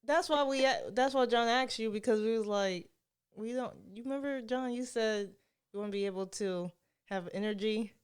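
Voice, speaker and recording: Woman, late twenties, smooth clear voice, chatty, laughs easily, podcast co-host. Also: on the high side, normal speed. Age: 20s. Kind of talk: casual chat.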